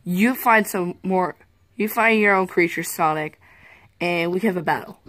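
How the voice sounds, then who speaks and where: A woman's voice: fairly low pitch, unhurried, fairly bright tone. A woman doing a dismissive, oblivious Mario. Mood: scheming. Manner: dismissive, blunt. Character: oblivious, bossy male plumber. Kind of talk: amateur parody voice acting.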